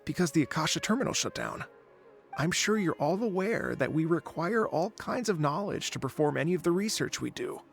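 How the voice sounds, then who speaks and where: A man's voice: fairly high pitch, lively intonation, a little fast, creaky, faint music behind. An actor playing a chatty, unmotivated young male researcher who justifies himself, in a video game. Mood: wistful, self-justifying. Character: idle young male researcher, casual, unmotivated excuse-maker. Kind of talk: video game dialogue acting.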